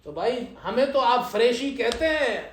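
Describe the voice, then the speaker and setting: A man preaching a sermon as imam, telling light humorous stories and reciting scripture slowly. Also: extremely high pitch, expressive, slight background noise. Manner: humorous storytelling, slow chanted Arabic recitation. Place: event hall at a ceremony. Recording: echoey hall.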